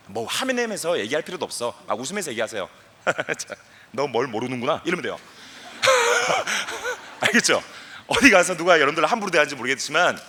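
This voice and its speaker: Brief: young male guest speaker, fairly high voice, very animated, playful youth-camp talk. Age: young adult. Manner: playful, acts out quoted voices, leads the crowd in chants.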